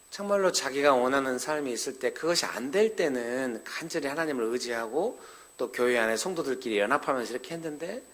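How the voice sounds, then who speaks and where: A man's voice: fairly high pitch, a bit bright. A male pastor giving a sermon at a parents' seminar, telling a story conversationally and acting out the dialogue, and speaking directly to the elderly members of the congregation.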